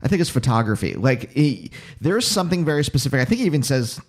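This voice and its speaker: A podcast host with a Pennsylvania accent tinged by New York leads a casual conversation, thinking aloud in halting, self-interrupting phrases. His voice is medium-pitched and very animated.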